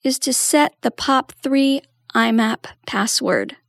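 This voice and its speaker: A woman's voice: high-pitched, takes it slowly, vocal fry, dry recording, studio quality. A woman giving a patient, step-by-step tutorial walkthrough as a trainer. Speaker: assistive technology trainer.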